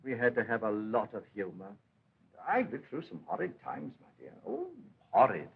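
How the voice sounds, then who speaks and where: An actor playing a gentle, elderly great-grandfather who mildly recalls the old days to a child, in 1930s film acting. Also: on the low side, wildly swooping pitch, moderate pace, creaky, heavily acted. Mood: reminiscing. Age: older. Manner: mild, reminiscing storytelling. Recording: dull lo-fi 1930s film soundtrack.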